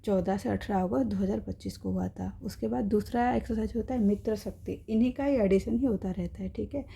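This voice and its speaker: A woman's voice: mid-range voice, brisk, vocal fry, mellow, slightly rough. A woman teaching an exam-prep lesson, explaining step by step in Hindi with English terms and checking in with her viewers.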